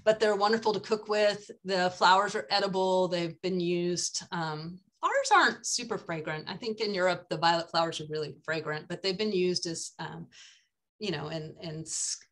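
A woman's voice: on the low side, normal speed, a bit bright. Chatty older woman on a video call. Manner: chatty and enthusiastic, frequent ums. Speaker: foraging guide. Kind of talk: casual presentation over slides. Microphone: webcam on a video call.

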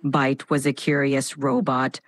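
A female AI voice putting on a metallic robotic voice to tell a bedtime story in a flat, clipped, mechanical way. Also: very deep voice, unhurried, no room sound. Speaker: AI voice assistant.

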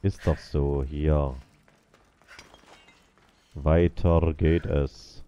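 Let's-play host, man, dark and unhurried voice, mutters to himself and the game. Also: extremely low pitch, level tone, muffled recording. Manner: muttering, talking to the game characters. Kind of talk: casual gameplay commentary.

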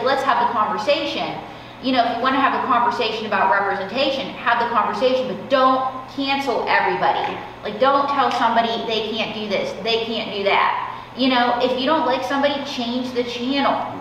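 A woman's voice: on the high side, a little fast, a bit bright. A young woman chatting casually and emphatically as a comedian being interviewed on stage. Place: indoor theater stage. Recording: echoey hall, distant, faint noise.

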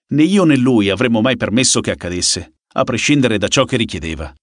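A man voicing a defiant, sharp-tongued young woman singer in an audiobook, scornful and quick to bite back. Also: medium pitch, dry recording, studio quality, lightly acted.

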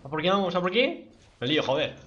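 A man comments on his game live, excitable and cursing freely at himself and his teammates. His voice is bright and forceful. The stream audio is dull and lo-fi. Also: high voice, fast talker, slight background noise. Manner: excitable, swears a lot, talks to himself and teammates. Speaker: livestreaming gamer.

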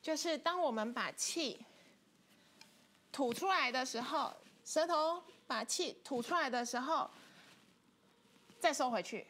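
High-voiced woman teaching a flute lesson. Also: measured pace, long pauses, fairly bright tone. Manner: patient, explains step by step. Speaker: music teacher. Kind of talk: online instrument lesson.

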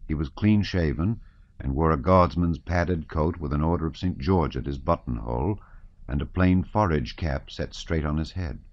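A man narrating an audiobook in an expressive, varied reading, in a dull lo-fi recording. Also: extremely low pitch. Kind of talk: scripted narration.

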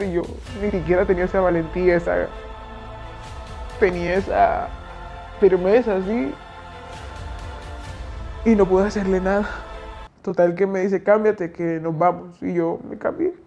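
Young woman, testimony, quiet and halting, some vocal fry, muffled lo-fi audio over faint music. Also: medium pitch. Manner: quiet, halting, searching for words. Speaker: interviewee giving testimony. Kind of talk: personal testimony.

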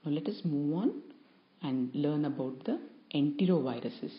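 A woman with a notably low voice gives a recorded lecture to students. She speaks in a measured, explanatory way and leans on key terms. The sound is dull and a bit lo-fi. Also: lively intonation.

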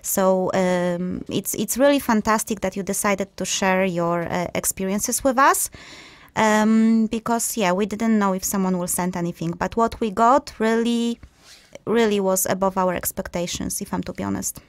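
A woman's voice: mid-range voice, steady tone, normal speed, no echo. A young woman co-hosting a live radio show, chatting and teasing with many fillers. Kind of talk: casual live radio chat. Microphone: studio microphone.

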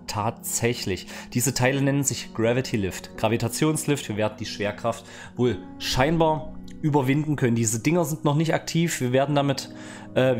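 A man with a medium-pitched, slightly mellow voice delivers casual gaming news in a chatty, colloquial style. He's close on an arm-mounted studio microphone in a small home streaming room, with background music running under his voice.

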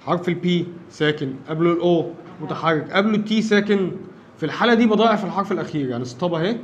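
A man with an Egyptian Arabic accent teaches an English grammar lesson, explaining each rule step by step. He talks fast in a fairly high voice. He keeps asking short questions to make sure his students are following. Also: muffled recording, a little hiss or hum. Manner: explains step by step, often checking understanding with quick questions.

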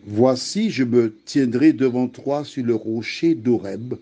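A man voicing a divine figure who gives calm, commanding instructions. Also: medium pitch, slow, highs cut off, pitched below the performer's own voice.

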